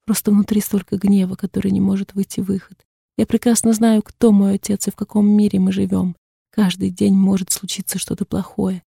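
A woman voicing a grieving, furious young daughter in an audiobook, with shrill, defiant outbursts. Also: level tone, fairly quick, creaky, warm tone, slightly rough, dry recording, studio quality. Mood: weary, tearful.

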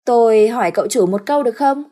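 A woman's voice: fairly high pitch, animated, quick pace, warm tone, natural voice. A woman voicing a nosy young male servant who questions his master familiarly. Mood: curious. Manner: inquisitive, familiar.

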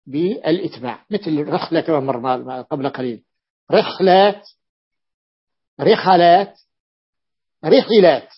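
A man's voice: a little high, breathy edge. Man teaching a drill-style grammar lesson. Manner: repeats words slowly and drills example forms; halting restarts, drawn-out syllables. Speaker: teacher of Arabic morphology. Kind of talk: classroom lesson. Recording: dull lo-fi lecture recording.

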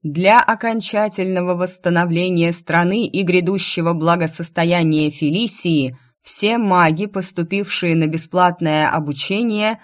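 Woman voicing a booming male town crier. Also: natural voice. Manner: booming proclamations. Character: loud male town crier, formal and pompous.

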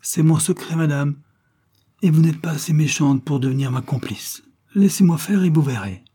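A proud Italian count with a scheming, mocking edge, voiced by a man reading a story. The voice sits higher than the reader's own, but keeps a dark, husky grain. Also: normal speed.

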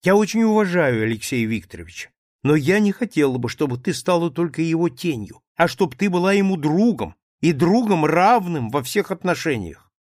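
A man's voice: on the high side, sing-song, normal speed, darkish tone, no room sound, studio quality, pitched above the performer's own voice. A man voicing an earnest young woman who speaks while holding back tears.

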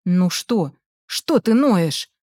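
A woman voicing an arrogant, cold young man who speaks with slow, drawn-out contempt. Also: mid-range voice, dark tone, no room sound, clean studio sound, natural voice. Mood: curt.

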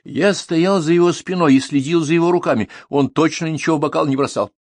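A man's voice: fairly high pitch, fast, a little mellow, no room sound, voice pushed up, lightly acted. A man reading an audiobook, voicing an elderly male waiter who is nervous yet dignified and earnest. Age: older. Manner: earnest, defensive.

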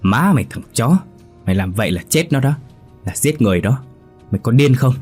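A man voicing a desperate young man who shouts and curses while holding down his friend. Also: mid-range voice, animated, fairly quick, husky, faint music behind, voice pushed up. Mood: shouting. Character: angry young man restraining a possessed friend.

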